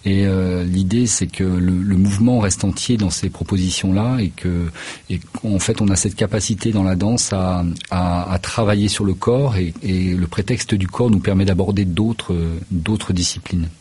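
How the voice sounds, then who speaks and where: A man's voice: low voice, fairly even intonation, moderate pace, dark tone, husky. A man, a choreographer and festival director, answering radio interview questions in a hesitant way, with many fillers and restarts. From Paris region, France. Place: radio studio.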